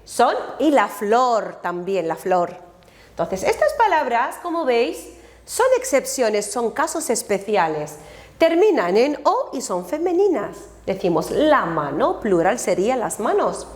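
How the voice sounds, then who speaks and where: A woman teaching a language lesson, slowly and deliberately modeling each word aloud for her students. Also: on the high side. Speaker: Spanish teacher. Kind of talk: recorded classroom lesson. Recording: echoey room.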